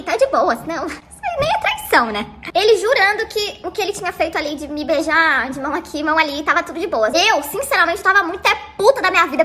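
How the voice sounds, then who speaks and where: A young woman with a very high voice tells her own story in a loose, slangy way. Her tone is bright and sharp, and she slips into the voices of the people she describes. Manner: animated, slangy, acts out the other people in the story. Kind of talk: casual personal storytelling.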